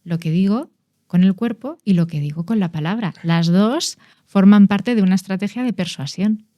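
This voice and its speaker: A woman's voice: medium pitch, normal speed, dark tone, dry recording, studio quality. A woman who is a guest on a podcast, explaining nonverbal communication in a conversational way and stressing key words with frequent restarts. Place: podcast studio.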